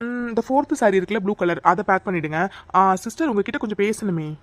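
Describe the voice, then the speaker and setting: Woman playing a cartoon young guy, joking, friendly, fast talker, dry close sound. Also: mid-range voice, lively intonation, dry recording, lightly acted. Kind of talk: cartoon dialogue.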